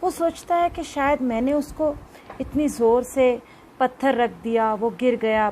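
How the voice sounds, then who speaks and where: High-voiced woman teacher reading a lesson. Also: slight background noise, rough recording. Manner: explanatory, addressing children. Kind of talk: reading a children's lesson aloud.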